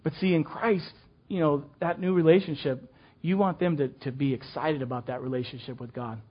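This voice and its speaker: A man's voice: fairly high pitch, steady tone, moderate pace, breathy edge, muffled recording. An older man teaching a children's ministry class in a casual, folksy way, full of fillers and restarts.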